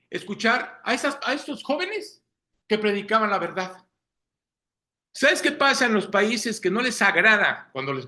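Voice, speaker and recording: A man's voice: very high-pitched, pushed and bright. A man preaching a Sunday sermon, often checking in with the congregation with rhetorical questions. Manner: asks listeners rhetorical questions, frequent "¿sí?".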